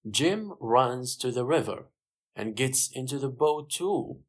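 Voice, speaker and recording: A narrator reads an easy story for English learners, keeping each short sentence clear. The pace is slow and the pitch moves in a lively, expressive way.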